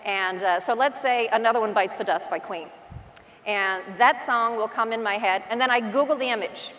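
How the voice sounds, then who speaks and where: A woman's voice: on the high side, moderate pace, a bit bright, slight background noise. A woman with a Newfoundland accent giving an informal, self-deprecating motivational talk as a conference speaker, telling stories with acted-out asides. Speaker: real estate agent and conference speaker. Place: large indoor conference hall. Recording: long hall reverb from stage.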